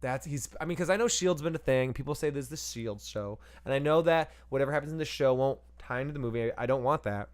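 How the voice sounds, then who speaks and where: A man's voice: medium pitch, fast talker, few pauses. Rambling, profane man reviewing a movie. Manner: rambling, profane, laughs often, acts out silly voices. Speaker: podcast co-host. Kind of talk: casual movie review chat.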